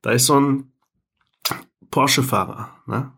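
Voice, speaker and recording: A man's voice: mid-range voice, unhurried, creaky, fairly bright tone, breathy edge. A man co-hosting a podcast in casual chat, describing things at length with many fillers. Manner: rambling, detailed anecdote-telling with fillers. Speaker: podcast co-host.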